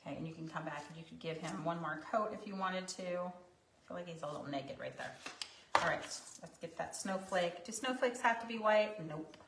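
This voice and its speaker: A woman's voice: on the low side, moderate pace, vocal fry, slight background noise. A woman teaching a craft painting project in her studio, chatting casually with rambling, joking asides. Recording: echoey room, mic at a distance.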